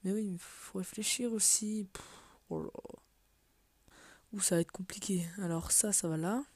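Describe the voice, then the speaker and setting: Muttering to herself over a puzzle game, a woman who makes gaming videos gives casual let's play commentary, cursing lightly and often falling to a half-whisper. Her voice is medium in pitch and darkish, at a moderate pace.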